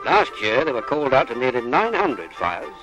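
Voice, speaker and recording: A man's voice: mid-range voice, sing-song, normal speed, highs cut off. A man narrating in the chatty style of a 1950s public information film, folksy and putting questions to the listener. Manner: folksy, rhetorical questions to the viewer. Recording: archive film soundtrack under music.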